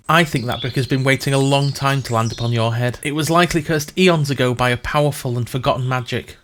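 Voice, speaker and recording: A man's voice: medium pitch, fairly bright tone, close to an everyday voice. A man playing a pompous, reluctant mage who narrates a comedic fantasy tourism podcast in a wry, self-satisfied manner. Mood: condescending explaining.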